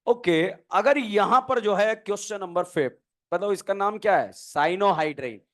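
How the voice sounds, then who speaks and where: Man, chemistry teacher, high voice, quizzing the class, playful teasing. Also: normal speed, fairly bright tone. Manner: quizzing students, answering his own questions. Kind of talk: classroom lecture.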